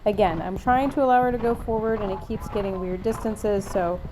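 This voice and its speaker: Woman, casual upbeat sports-vlog narrator, horse rider; clearly noisy helmet-cam ride sound behind her. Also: mid-range voice, fairly quick. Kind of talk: casual voiceover commentary. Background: helmet-cam ambience of horse riding.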